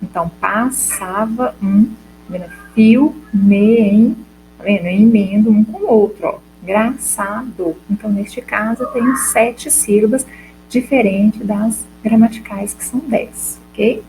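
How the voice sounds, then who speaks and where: Mellow-voiced Brazilian woman teaching a class. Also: medium pitch, normal speed, faint music behind, low-quality recording. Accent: Brazilian Portuguese. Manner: explanatory, asks the class questions and answers them. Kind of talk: recorded class lesson. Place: classroom or home for a school video lesson.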